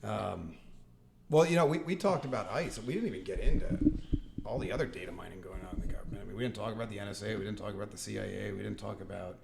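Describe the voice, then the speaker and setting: A man's voice: fairly low pitch, fast, gravelly, background noise. A man co-hosting a casual podcast chat, joking and laughing often before steering back to the topic. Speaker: podcast co-host.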